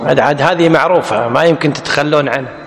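A man's voice: on the high side, racing, a little hiss or hum. A man teaching a lesson, who repeats each word and quizzes his students. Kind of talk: classical Arabic text lesson. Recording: long hall reverb.

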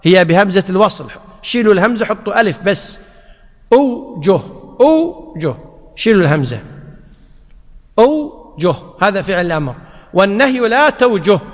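A man with a fairly high voice leads a grammar lesson. He explains each rule step by step and asks rhetorical questions that he answers himself. His voice trails off into a long reverb. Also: fairly bright tone. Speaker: Arabic grammar teacher. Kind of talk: classroom lesson.

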